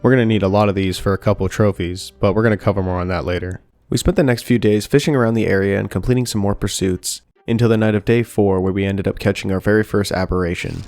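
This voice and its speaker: A young man narrating a scripted video game review in a steady, dry way with light jokes. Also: lowish voice, fast talker, hardly any pauses, dry recording. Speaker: gaming YouTuber. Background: soft background music.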